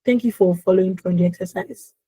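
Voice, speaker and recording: A young adult woman hosting an online emotional healing session, reassuring attendees, calling them by name and pleading with them gently. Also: on the low side, quick pace, husky, no room sound, low-quality recording. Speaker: conference host and emotional healing coach. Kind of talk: live online coaching session. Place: online video call.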